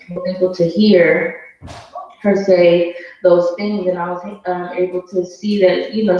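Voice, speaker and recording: Woman calling in by phone for a church testimony, halting with many pauses, a dull muffled line heard from far back in an echoey hall. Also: fairly low pitch, darkish tone. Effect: phone call voice played over the church sound system, muffled. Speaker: church member giving a testimony. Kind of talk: hesitant spoken testimony.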